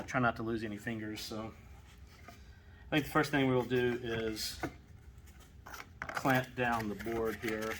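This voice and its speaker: A young Texan man chats casually at medium pitch in his home workshop, explaining how he's building a weapon. He jokes, rambles and pokes fun at himself, with noise in the background.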